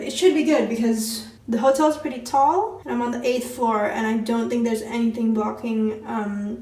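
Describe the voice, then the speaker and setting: A woman's voice: a little high, darkish tone, rough recording. A young woman in her twenties chatting casually on a travel vlog, giggly and self-deprecating, filmed on a handheld camera. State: out of breath. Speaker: travel vlogger. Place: outdoors on a road trip, touring sites.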